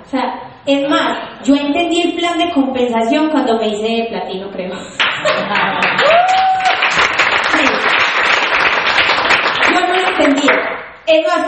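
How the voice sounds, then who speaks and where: A young woman giving an animated, emphatic motivational testimony to an audience, telling her story. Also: sits high, slight background noise. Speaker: network marketing speaker. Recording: echoey hall.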